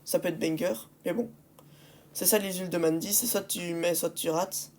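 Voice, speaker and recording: Here the same kind of woman, a creator reviewing match replays, speaks at a normal pace with a lowish, darkish voice and fairly even intonation. Fed up with her teammates, she leans on repeated phrases and rhetorical questions in her casual commentary.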